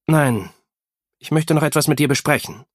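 A man reads aloud as a concerned adult woman firmly probing a teenager with question after question, pitching his voice above his own yet keeping it close to everyday speech. He speaks at normal speed with a fairly high pitch, in studio quality with no room sound.

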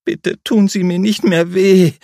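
A man raising his voice into a frightened young woman held captive in an audiobook thriller. Her voice is high, breathy and pleading, drawn out slowly and spoken close and dry. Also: fairly even intonation, mellow, no room sound.

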